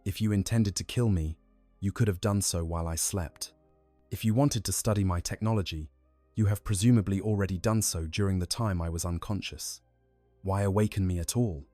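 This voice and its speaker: A man's voice: low voice, steady tone, fairly quick, mellow, no room sound, soft background music. A man voicing a stern, dogmatic male space marine dreadnought in a firm, clipped way.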